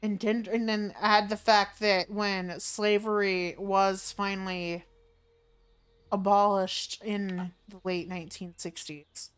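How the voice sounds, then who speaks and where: A woman hosts a game livestream with a casual, conversational monologue. Her voice is clean and smooth, sitting at an average pitch as she addresses her viewers. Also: flat delivery, slow pace.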